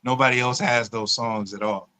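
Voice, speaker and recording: A man's voice: medium pitch, fairly even intonation, pushed and bright. A man guesting as a singer-songwriter on a radio show, readily agreeing and thanking the host in casual chat. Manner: agreeable, quick to affirm and thank.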